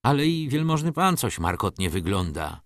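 A man's voice: on the low side, sing-song, normal speed, no room sound, clean studio sound. A man voicing a poor, humble old carter who speaks deferentially and wearily in a storybook reading. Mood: resigned. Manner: humble, pleading, respectful address.

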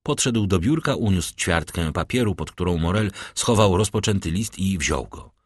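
A man narrating a classic novel in a steady, even storytelling voice. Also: low-pitched, normal speed, husky, dry recording, studio quality. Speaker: audiobook narrator. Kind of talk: scripted narration.

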